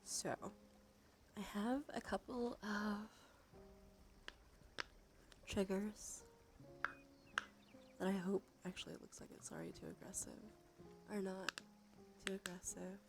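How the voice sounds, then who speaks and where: A female streamer talks softly and without hurry in a chatty ASMR livestream, close to the mic, frequently drifting into a breathy whisper with creaky fry. Her medium-pitched voice stays steady, with long pauses, and music plays in the background.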